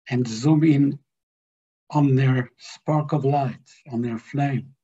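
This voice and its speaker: A man giving a slow, measured spiritual teaching to a group, stressing key words. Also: medium pitch, dark tone, slightly rough, muffled recording. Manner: slow, measured, emphatic delivery.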